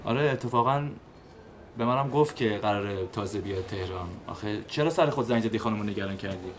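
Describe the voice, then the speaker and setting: Guy playing bossy friend barking orders, lowish voice, noisy background. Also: lightly acted. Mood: gruff. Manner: brisk, commanding. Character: bossy male friend, takes charge. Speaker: injured man's friend and coworker.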